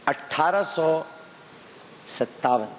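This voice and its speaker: A man hosts a TV quiz show in a studio with a long ringing reverb and faint hiss behind him. He teases and pushes the contestants, firing repeated demands for answers. His voice sits a touch higher than most men's. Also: lively intonation, extremely slow. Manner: impatient, needling, repeats commands. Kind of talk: teasing, pressing quiz hosting.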